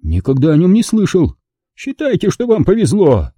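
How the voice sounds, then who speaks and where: Guy doing a jittery curator type, high and halting, dry close mic. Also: wildly swooping pitch, mellow, husky, no room sound, full character voice. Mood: bewildered. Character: nervous, bewildered male museum curator.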